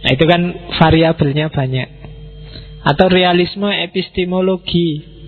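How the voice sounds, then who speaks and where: A man giving an informal philosophy lecture to students, chatty and teasing, acting out quick exchanges and mixing in words. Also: sits high, phone-quality sound, faint music behind.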